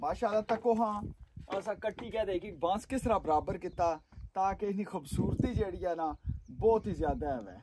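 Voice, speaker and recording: Young man, higher-pitched, casual vlogger talking straight to camera outdoors with a faint noise bed. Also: expressive, brisk. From Kashmir, Pakistan. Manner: chatty, addresses viewers directly. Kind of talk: casual outdoor building vlog. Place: outdoors on a dry lakeshore.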